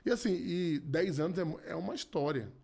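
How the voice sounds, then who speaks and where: The gospel musician from Rio, a man in his thirties, speaks at a normal speed in a fairly high, gravelly voice with a dark tone and lively intonation. As a podcast guest, he offers a sincere personal testimony in casual conversation, repeatedly restarting and repeating himself.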